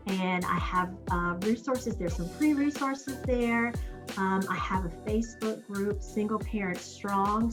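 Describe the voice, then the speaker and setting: A woman guest giving earnest, encouraging advice in an interview, with frequent ums. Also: mid-range voice. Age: adult with children. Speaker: guest, single-parent coach. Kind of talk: interview conversation.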